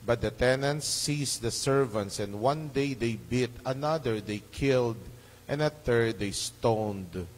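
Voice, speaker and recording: A man reading the Gospel as a priest at Mass, measured and formal, in an echoing church. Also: mid-range voice. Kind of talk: solemn liturgical scripture reading. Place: large church during Mass. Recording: echoing church hall, long reverb.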